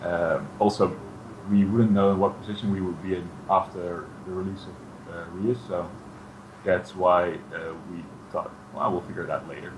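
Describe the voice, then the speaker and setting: A very deep-voiced man answers interview questions as a game developer. He speaks cautiously, filling gaps with uh, and there is clear noise behind him. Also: little pitch movement, normal speed. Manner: hesitant, many uh fillers, cautious. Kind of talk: casual interview chat.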